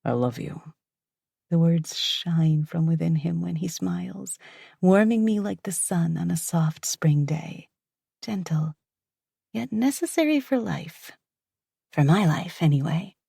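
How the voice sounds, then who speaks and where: Husky woman, whispered audiobook narration. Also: lowish voice, dark tone, dry recording, clean studio sound. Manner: breathy, intimate, half-whispered delivery.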